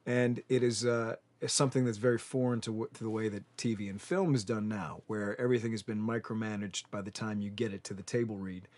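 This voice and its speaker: Thoughtful low-voiced man interviewed. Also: steady tone, darkish tone. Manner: thoughtful, measured, with restarts. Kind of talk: interview commentary.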